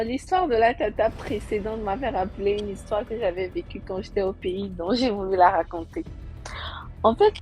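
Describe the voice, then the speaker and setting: Woman telling a story over faint music. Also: mid-range voice. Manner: lively, animated, acts out quoted lines. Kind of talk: casual spoken storytelling. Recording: music bed behind the voice. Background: faint tense background music.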